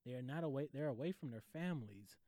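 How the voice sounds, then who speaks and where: A man co-hosting a sports podcast, excitable and profane, often laughing. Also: mid-range voice, fast, no echo. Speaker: podcast co-host. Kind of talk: casual sports chat.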